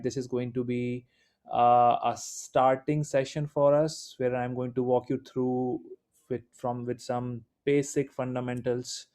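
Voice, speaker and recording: A native Hindi speaker with an Indian accent gives a live online class as the instructor, his mid-range voice carrying a darkish tone. His style is casual and encouraging, sprinkled with lots of fillers.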